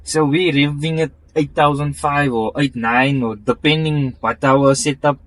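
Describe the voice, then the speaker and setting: A man's voice: on the high side, fairly even intonation, unhurried, fairly bright tone, low-quality recording. A man explaining his car build in a casual interview, talking in stops and restarts with many fillers and technical terms.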